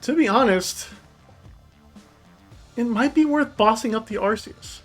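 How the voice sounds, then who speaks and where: A woman's voice: on the high side, measured pace. A woman giving casual commentary on her card game deck, chatty and thinking aloud as she plays. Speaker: gaming YouTuber. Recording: faint background music.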